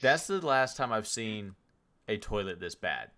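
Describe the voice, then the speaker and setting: A man's voice: fairly low pitch, very animated, a little slow, noisy background. A man streaming a game, telling stories in loose, swearing casual chat. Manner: rambling storyteller, swears a lot.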